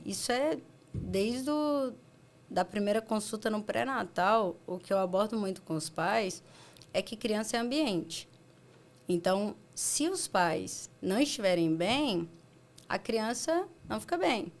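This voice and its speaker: Animated Brazilian woman doctor explaining. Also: medium pitch. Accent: Brazilian Portuguese. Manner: animated, acts out parents and children in quick asides. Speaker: pediatrician guest. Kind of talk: casual explanatory interview talk.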